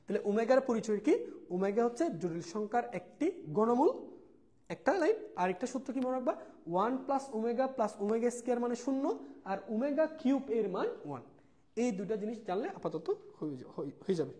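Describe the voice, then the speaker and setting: A man's voice: extremely high pitch, expressive, quick pace, mellow. A young man teaching a live online math class. He repeats key points, mixes in English words and calls his students brother. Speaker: math tutor.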